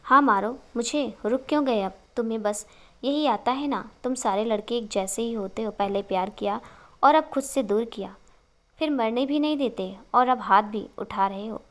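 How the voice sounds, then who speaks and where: A woman's voice: a little high, moderate pace, fairly bright tone, lightly acted. A woman voicing an emotional, playful young woman in love. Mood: tearful. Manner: tearful, then teasing.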